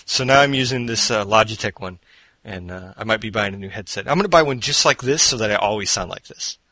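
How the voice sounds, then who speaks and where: A podcast host chats about gaming from home in a lowish, quick, pushed and bright voice with no room sound. Talking into a borrowed headset mic positioned off to the side, he rambles and pokes fun at himself, full of fillers and restarts.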